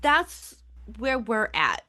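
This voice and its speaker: A woman co-hosts a podcast, chatting loosely about sports and news. Her voice is bright and forward. She swears freely, restarts her sentences and fights through the hiccups. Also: fairly high pitch, big pitch swings, slow. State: has the hiccups. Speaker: podcast co-host. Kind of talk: casual chat.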